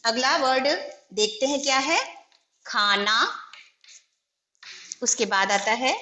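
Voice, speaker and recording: This teacher speaks slowly in a slightly high, bright voice with a forceful edge. She patiently explains the lesson, taking every word apart letter by letter and vowel sign by vowel sign, while the room echoes and faint noise hums behind her.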